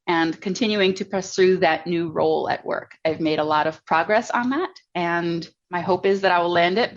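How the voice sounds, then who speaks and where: A woman with a fairly low voice chats in a reflective, casual way on a podcast. The recording is a little dull and lo-fi. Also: creaky. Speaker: podcast conversation partner. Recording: slightly dull, lo-fi sound.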